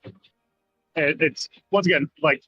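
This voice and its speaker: A man calls into a gaming stream without a proper mic, and his voice comes through muffled and lo-fi. Noise suppression fights the loud background noise around him and leaves warbling artifacts in his speech. He chats casually, rambling and filling gaps with "like" and "uh.". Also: fairly high pitch, a little slow, breathy edge, dry recording, soft background music. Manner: rambling, lots of "like" and "uh". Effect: noise suppression artifacts over loud background noise. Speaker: remote guest on a gaming stream. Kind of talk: casual chat.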